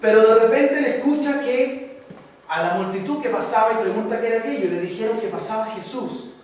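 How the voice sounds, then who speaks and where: A Chilean man preaching a sermon as pastor, his voice rising to loud, fervent peaks. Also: high-pitched, brisk. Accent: Chilean Spanish. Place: church hall. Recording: echoey hall from far off, faint noise.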